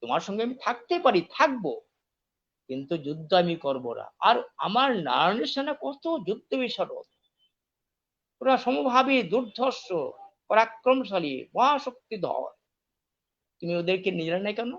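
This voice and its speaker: A man voicing a calm, affectionate divine lord in a retold epic, explaining patiently. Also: sits high, normal speed, creaky, highs cut off, pitched above the performer's own voice, heavily acted. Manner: explaining, persuasive.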